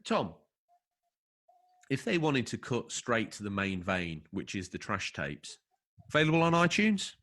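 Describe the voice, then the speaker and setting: A man's voice: deep voice, very animated, slow, pauses often, a bit bright. A man co-hosting a casual podcast, reading out a film overview with jokey, emphatic asides. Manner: jokey, emphatic, stumbles over names. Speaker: podcast co-host.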